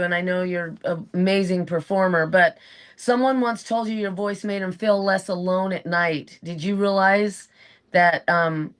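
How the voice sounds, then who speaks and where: A woman co-host with a slightly low voice opens her questions to the guest. She speaks in an easy, encouraging tone, with a casual conversational rhythm. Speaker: podcast co-host. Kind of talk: casual interview chat.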